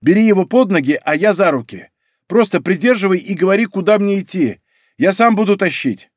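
Audiobook role: man voicing officer shouting orders, higher and louder than the narration. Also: animated, brisk, dry recording, clean studio sound. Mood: urgent. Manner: urgent barked orders. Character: commanding middle-aged male officer under fire.

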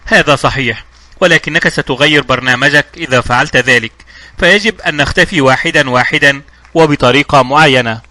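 A man's voice: mid-range voice, brisk, pushed and bright, no room sound. Man reading as a blunt, guarded man.

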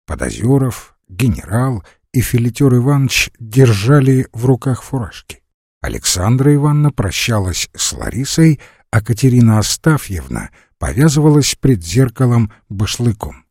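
A man reading a classic novel aloud as an audiobook narrator, in a measured literary way. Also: medium pitch, sing-song, darkish tone, husky, no room sound, clean studio sound. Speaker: audiobook reader. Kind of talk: scripted narration.

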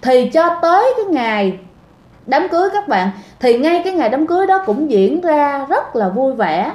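A woman's voice: high-pitched, very animated, normal speed, a little mellow. A woman telling a ghost story in a chatty way, often addressing her listeners directly. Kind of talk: casual storytelling. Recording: echoey room.

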